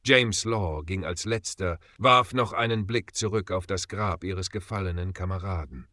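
Low-voiced man narrating an audiobook gravely. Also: moderate pace, sharp tone, no echo, studio quality. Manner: grave, dramatic storytelling.

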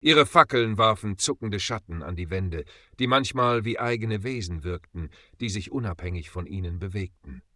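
A man reading a story aloud as the narrator in a steady, dramatic way. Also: fairly low pitch, normal speed, hardly any pauses, no room sound, clean studio sound. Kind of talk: scripted audiobook narration.

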